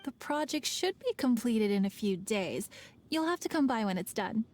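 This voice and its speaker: An actress voices a polite, businesslike young woman who runs a festival project in a video game, explaining things clearly. Her delivery is very animated at a moderate pace, with a voice on the high side and a darkish tone.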